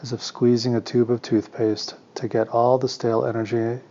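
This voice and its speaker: A man of medium pitch takes the role of meditation teacher, leading a guided session with soft, deliberate, calming instructions and frequent pauses. The recording has a slightly muffled quality.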